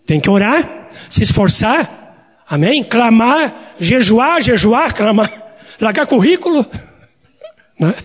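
High-voiced husky pastor in a reverberant church. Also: male voice, big pitch swings, slow, pauses often. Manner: folksy storytelling, addressing the congregation as "queridos". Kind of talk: sermon.

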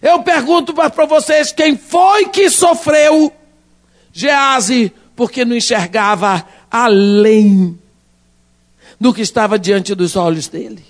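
High-voiced preacher, slow and dramatic. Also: male voice. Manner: dramatic, swinging from shouts to hushed asides. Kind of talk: sermon.

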